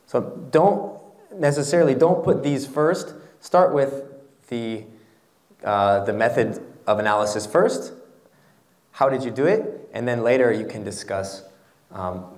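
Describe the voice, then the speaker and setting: Holding a microphone in a lecture hall, a man teaching academic writing walks a seated audience through his slides in a workshop lecture. He speaks in a fairly low, slightly mellow voice, instructional yet halting, often checking with "okay" and "right."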